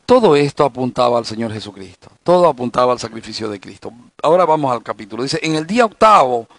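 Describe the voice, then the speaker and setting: A man's voice: medium pitch, sing-song, fast talker, dry recording. A man pastor giving a Bible study sermon in a conversational way, telling anecdotes and asking rhetorical questions.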